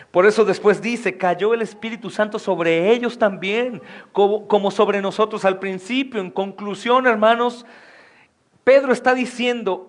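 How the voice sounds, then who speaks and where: A male pastor preaching a sermon with fervor, often calling out to his congregation as brothers. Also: sits high.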